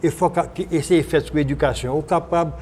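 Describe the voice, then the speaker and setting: In an unscripted radio discussion that switches between French and Creole, a Haitian-accented man who once served as senator explains things haltingly, with repeats and self-corrections. His fairly high-pitched voice stays steady and a bit dark. The archive broadcast recording is noisy.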